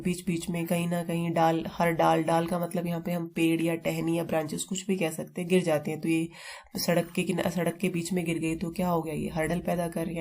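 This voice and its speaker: Woman, teacher, low pitch, warm tone, patient repetitive explaining. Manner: explains slowly with memory tricks, repeats terms. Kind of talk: vocabulary lesson.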